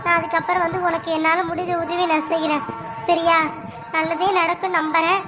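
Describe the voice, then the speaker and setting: A woman plays a practical cartoon sister-in-law who calmly reassures and gives instructions. High-pitched voice over loud music. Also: brisk, low-quality recording. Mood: reassuring. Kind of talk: dubbing an animated village story.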